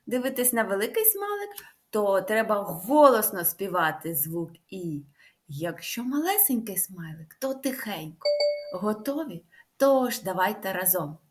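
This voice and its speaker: A woman speech therapist giving a lively, sing-song lesson to young children, stretching out the vowel sounds. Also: mid-range voice.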